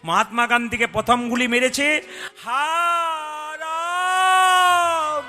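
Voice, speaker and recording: A man preaching at a devotional kirtan gathering, dramatic, swinging between loud cries and hushed storytelling. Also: sits high, animated, fairly quick. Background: music.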